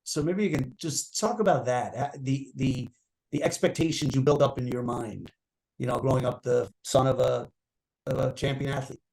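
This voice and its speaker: A man moderating an author interview over a video call, asking long, measured questions with many "um" and "uh" pauses. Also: mid-range voice, vocal fry, darkish tone, rough recording.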